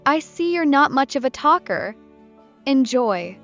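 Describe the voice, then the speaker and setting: Casting: woman reading as a chatty, bitter young woman, higher pitch, muffled with soft music behind. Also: very animated, unhurried, full character voice. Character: talkative young woman camper, heartbroken, tipsy.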